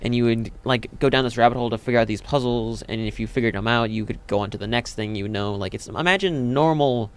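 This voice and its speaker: A man's voice: mid-range voice, fast, hardly any pauses, clean tone. A young man co-hosting a casual podcast chat, talking hesitantly and searching for his words. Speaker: podcast co-host.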